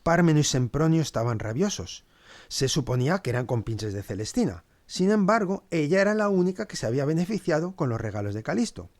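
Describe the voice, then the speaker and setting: A man's voice: a little high, big pitch swings, brisk, darkish tone, no room sound. A man playing a cynical male servant, telling the story with sardonic, dry asides. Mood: wry. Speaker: podcast storyteller. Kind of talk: scripted two-hander narration.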